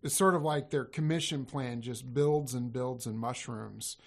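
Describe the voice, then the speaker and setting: Gravelly guy rambling on a podcast about sales, keeps restarting his sentences. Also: medium pitch, unhurried. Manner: rambling, self-correcting, laughs easily. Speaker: guest, sales coach. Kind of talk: casual podcast conversation.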